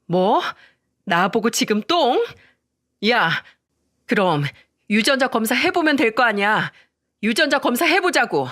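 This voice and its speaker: Man putting on a high shrill scheming wife. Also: sing-song, a little slow, pauses often, bright, forceful tone, exaggerated voice. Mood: defiant. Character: scheming young wife, sly then pleading.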